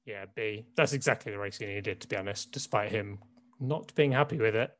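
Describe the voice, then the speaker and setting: A man's voice: fairly low pitch, fairly quick, a bit bright. A man co-hosting a casual panel chat, dry and a bit grumbly. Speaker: co-host.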